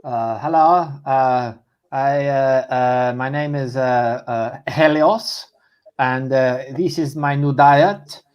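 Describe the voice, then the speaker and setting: A man playing a hesitant, dim nutritionist in improvised comedy, deadpan and speaking halting broken English. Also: mid-range voice, clear, resonant tone, muffled recording, close to an everyday voice. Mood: halting, solemn. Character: hesitant, dim nutritionist promoting an absurd diet.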